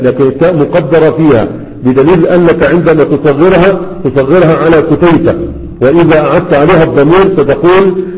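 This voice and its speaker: A man teaching a grammar lesson, who asks his students questions and answers them himself. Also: on the high side. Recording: dull lo-fi with long hall reverb.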